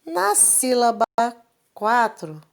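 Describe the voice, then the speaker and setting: Slow, patient woman teacher. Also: fairly high pitch, sing-song, vocal fry. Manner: slow, repeats each point patiently. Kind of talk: recorded literacy lesson. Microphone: screen recording, device mic.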